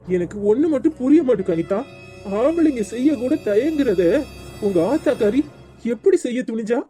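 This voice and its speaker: A devoted young son-in-law from a Tamil cartoon serial, as a performer voices him, earnest and soothing, with a Tirunelveli accent. His tone is mellow and warm, at a middling pitch. Faint music plays behind him. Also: lively intonation, normal speed, close to an everyday voice. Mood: indignant.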